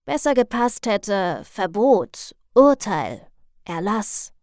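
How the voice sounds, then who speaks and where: A woman's voice: medium pitch, sing-song, slow, a little mellow, no room sound, studio quality. Woman reading a wry first-person story. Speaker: audiobook narrator. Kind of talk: first-person scripted narration.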